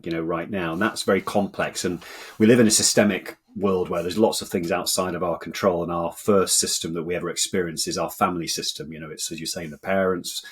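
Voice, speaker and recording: Podcast host, man; very low and husky, measured and reflective in his questions. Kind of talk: interview questions.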